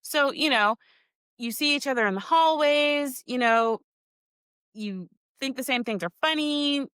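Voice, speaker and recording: A woman's voice: sits high, unhurried, clear, resonant tone, no echo, clean studio sound. Chatty, profane woman in her forties. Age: 40s. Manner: chatty, profane, animated, laughs often. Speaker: podcast host. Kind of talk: casual storytelling monologue.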